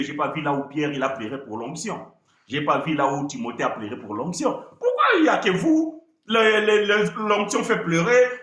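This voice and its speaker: A man preaching a sermon, animated, mimicking worshippers with shouts and laughter. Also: high-pitched, reverberant.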